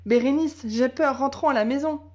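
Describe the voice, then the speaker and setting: A woman's voice: sits high, big pitch swings, a little slow, voice pushed up. Woman voicing a timid young dog. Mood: frightened. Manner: yelping barks, then anxious complaining. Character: big young male puppy, timid and whiny. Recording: dull lo-fi sound.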